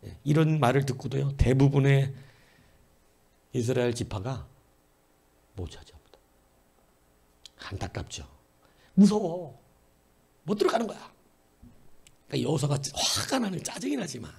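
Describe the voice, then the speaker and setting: Male pastor, middle-aged, husky voice, animated sermon delivery with wide pitch swings. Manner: animated, talks with congregation, shifts loud and hushed. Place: church sanctuary.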